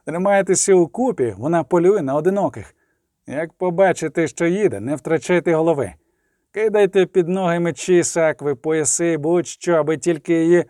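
A man's voice: a little high, moderate pace, dark tone, no room sound, studio quality, close to an everyday voice. A man voicing a harsh, barking mercenary chief. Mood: commanding. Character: hard-bitten male mercenary commander, brutal.

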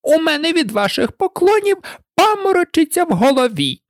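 A woman voicing a furious, tyrannical female queen with a piercing, shrill voice, barking orders in an audiobook. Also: huge pitch swings, moderate pace, no echo, studio quality. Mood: commanding. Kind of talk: audiobook character voice.

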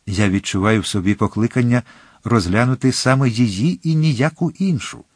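A man's voice: mid-range voice, moderate pace, slightly rough, no echo, clean studio sound, lightly acted. A man doing a polite, vain young would-be priest. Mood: polite earnest. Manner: courteous with a hint of irritation.

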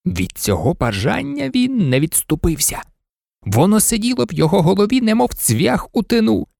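A narrator reading a children's storybook aloud with an expressive delivery. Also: medium pitch, moderate pace, vocal fry, dry recording, clean studio sound. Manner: expressive, animated. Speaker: audiobook narrator.

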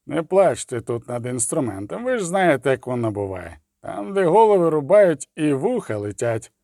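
Brief: sinister hangman, low hollow growl, voiced by a male reader. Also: lively intonation, moderate pace, dark tone, no room sound, clean studio sound. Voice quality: hollow, ominous voice. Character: menacing male executioner, grim, sinister.

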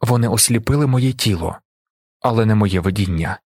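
A man voicing a blinded young male emperor who speaks in a steady, measured, commanding way with a husky voice. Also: on the low side, no echo, studio quality.

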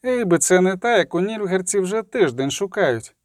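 A man voicing a rough male henchman on horseback, talking in a gruff, excited manner for an audiobook. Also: sits high, moderate pace, no echo, studio quality, pitched above the performer's own voice.

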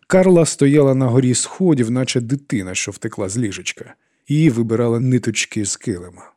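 Man narrating in a mellow voice. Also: mid-range voice, fairly quick. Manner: calm, even storytelling. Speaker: audiobook narrator. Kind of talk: scripted narration.

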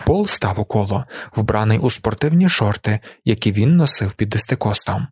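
A man's voice: on the low side, animated, normal speed, breathy edge, no room sound. Man narrating an audiobook, dry sound. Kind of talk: scripted narration.

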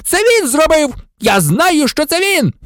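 A man's voice: very high voice, big pitch swings, a little slow, fairly bright tone, no echo, studio quality, pitched above the performer's own voice, exaggerated voice. A man voicing a furious, spiteful male professor who rants and shrieks in an audiobook. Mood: shrieking. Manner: shrieking, ranting. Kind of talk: audiobook character voice.

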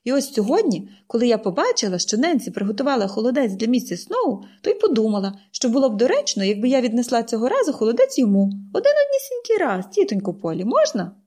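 A woman's voice: fairly high pitch, very animated, fast, few pauses, warm tone, breathy edge. A woman reading an audiobook, voicing an eager, pleading young girl. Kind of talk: audiobook character voice.

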